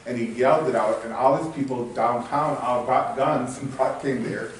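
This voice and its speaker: A man's voice: mid-range voice, normal speed, slight background noise. Rambling man in an echoey hall. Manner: rambling, searches for words with many fillers. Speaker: local history presenter. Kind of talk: casual public talk. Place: meeting hall. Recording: echoey room from far off.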